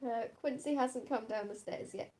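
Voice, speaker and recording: A woman's voice: fairly high pitch, moderate pace, warm tone, slight background noise. A woman, narrating a tabletop game as game master in a laid-back way. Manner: laid-back, laughs easily.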